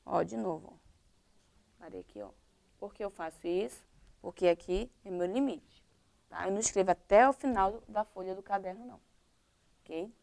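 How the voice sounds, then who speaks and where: A woman's voice: mid-range voice, expressive, normal speed, gravelly, long pauses, a little mellow. A woman teacher with a Brazilian Portuguese accent, explaining a primary-school lesson step by step and checking in with "tá?" and "ok?".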